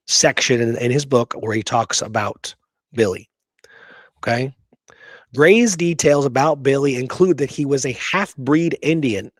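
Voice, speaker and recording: His medium-pitched voice is captured with no room sound. He co-hosts a history podcast, reading quoted material aloud and adding offhand comments of his own.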